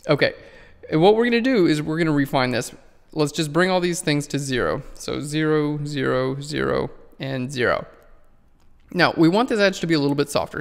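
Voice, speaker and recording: A man's voice: on the high side, creaky, long reverb tail. A man walking through a photo-editing tutorial in a casual, rambling way that keeps correcting itself. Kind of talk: screen-recorded software tutorial.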